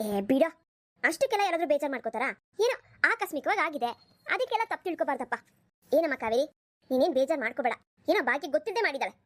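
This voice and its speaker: A woman's voice: high voice, expressive, racing, no echo. A woman voicing an indulgent, middle-aged mother-in-law in a cartoon, speaking in a scolding, dismissive way. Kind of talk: cartoon voice acting.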